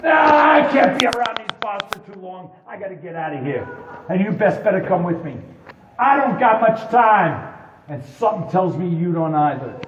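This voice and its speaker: Casting: male ghost tour guide, high voice, theatrical folksy storyteller, heard distantly in an echoing room. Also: animated, moderate pace, some chatter behind. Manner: dramatic, folksy old-time storyteller. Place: tour venue among a group of visitors. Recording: echoey reverberant room, distant mic, dull noisy audio.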